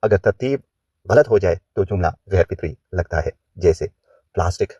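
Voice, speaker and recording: A man teaching English grammar, explaining each rule step by step in formal language and reading the English example sentences slowly and deliberately. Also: deep voice, mellow, dry recording. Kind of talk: grammar lesson. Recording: dull, muffled lo-fi sound.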